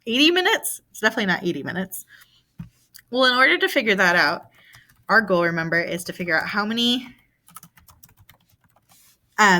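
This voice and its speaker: A woman with a bright, clear voice talks through a math word problem in a recorded video lesson. She is patient and steady, posing questions aloud and then answering them herself. Her pitch sits in a middle range for a woman. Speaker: math teacher.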